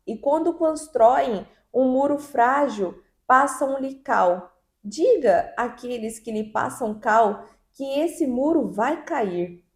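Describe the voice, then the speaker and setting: A woman with a Brazilian Portuguese accent, hosting a podcast and reading scripture aloud in a measured, deliberate way. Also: fairly high pitch, a little mellow. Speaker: podcast host and Bible reader. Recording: roomy, echoey sound.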